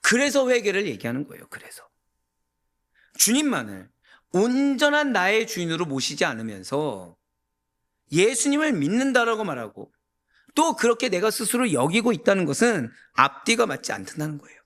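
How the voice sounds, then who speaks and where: A man preaching a sermon as a pastor, emphatic and full of rhetorical questions to the congregation, rising to near-shouts. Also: sits high, huge pitch swings, normal speed.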